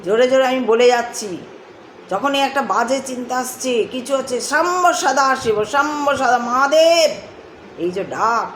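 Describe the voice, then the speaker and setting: A woman giving a spiritual talk, musing slowly and breaking into song. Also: high-pitched, roomy sound, a little hiss or hum, rough recording. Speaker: host.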